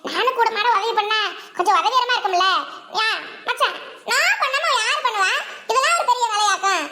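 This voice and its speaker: A woman's voice: very high voice, animated, a little fast, bright, forceful tone. A woman voicing a chatty, teasing village girl in a cartoon, often laughing as she talks. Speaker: cartoon voice artist doing several village characters.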